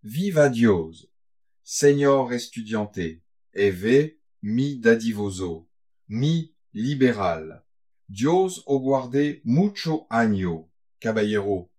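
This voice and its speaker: A man's voice: mid-range voice, expressive, slow, a little mellow. A man reading aloud, voicing a bitter, ruined Spanish coachman who gives solemn warnings in an audiobook. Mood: jovial.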